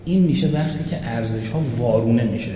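A man giving a religious sermon, animated, swinging between loud outbursts and hushed asides as he acts out quoted voices. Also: medium pitch, soft background music. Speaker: preacher. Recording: echoey hall with faint ambience.

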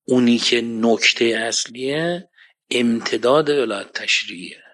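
A man gives a religious lecture in a voice of middle pitch. He keeps it lively, pushing up to emphatic points and then falling quiet, and he quotes Arabic verses along the way. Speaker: preacher.

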